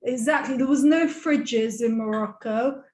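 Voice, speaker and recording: A woman's voice: on the high side, a little slow, darkish tone. A woman translating and co-presenting in an enthusiastic, chatty way on a video call, repeating and restating what is said. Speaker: interpreter and co-presenter. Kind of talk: casual chat, translating. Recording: echoey room over a video call.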